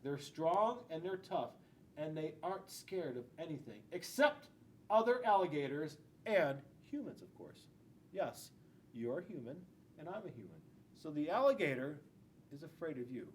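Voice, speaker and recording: This is a fairly high-pitched male voice with slight background noise. The speaker, a middle-aged school police officer, is indoors in a classroom reading a picture book to young children, emphasizing key words and making asides.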